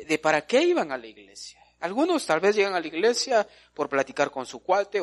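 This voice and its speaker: A man preaches an emphatic sermon. His voice sits a little high and swings widely up and down. He keeps calling on his listeners directly.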